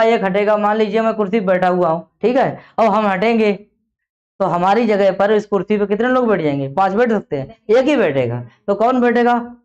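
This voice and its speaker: A male teacher giving a grammar lesson in a classroom, quizzing his students by asking the same questions again and again. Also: high voice. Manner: drills students with repeated questions. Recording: dull lo-fi recording.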